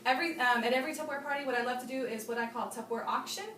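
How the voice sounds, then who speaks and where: A woman's voice: high voice, very fast, bright, forceful tone, slight background noise. A woman giving a bubbly, chatty Tupperware party training demonstration to a small group, laughing often. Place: room with guests at a party demo. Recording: roomy sound from a distant mic.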